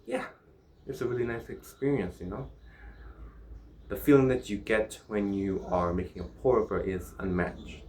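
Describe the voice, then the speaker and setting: Low-voiced man, musing casually. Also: normal speed, a little mellow, a little hiss or hum. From Myanmar. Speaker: vlogger. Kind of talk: casual solo vlog chat.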